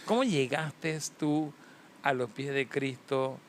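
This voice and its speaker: A man hosting a casual podcast interview, joking and asking quick questions. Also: medium pitch. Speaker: podcast host. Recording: faint background noise.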